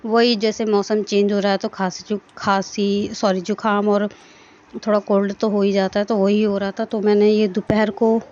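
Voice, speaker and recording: A woman's voice: medium pitch, flat delivery, moderate pace, darkish tone, dull audio. A woman narrating her daily home vlog in a homely, talkative, rambling way. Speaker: daily vlogger. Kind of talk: casual chatty vlog narration. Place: family home.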